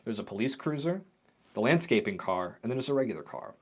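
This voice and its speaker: A man running a tabletop game as game master, narrating the scenes in a vivid, animated way. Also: on the low side, quick pace, breathy edge.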